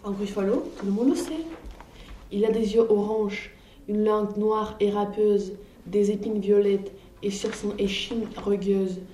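Woman doing a sly little storybook mouse, mellow voice, sounds far off in an echoey room. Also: mid-range voice, measured pace, natural voice. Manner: cunning, confident, teasing. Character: small clever bold mouse. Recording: roomy, distant, faint noise.

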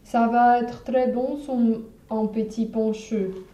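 A woman's voice: on the high side, fairly even intonation, slow, mellow. A woman voicing a big, clumsy, easily fooled male monster in a storybook reading. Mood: greedy. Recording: roomy, dull lo-fi sound.

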